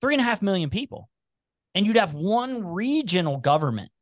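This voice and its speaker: A man's voice: sits high, fairly quick, no echo, clean studio sound. A man from Cincinnati with a slight Appalachian twang, chatting casually and rambling as a podcast guest. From Cincinnati, Ohio, US. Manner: rambling, animated, many restarts.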